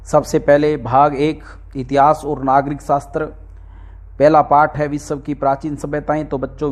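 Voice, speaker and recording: A man's voice: fairly high pitch, a little mellow. A middle-aged male teacher walks students through a textbook index chapter by chapter, calling them his dear children and repeating each point for emphasis. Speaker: exam-prep teacher.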